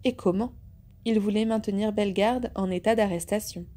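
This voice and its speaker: A woman voicing a kindly middle-aged male detective who speaks calmly and affectionately to his daughter. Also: mid-range voice, moderate pace, natural voice. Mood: wry.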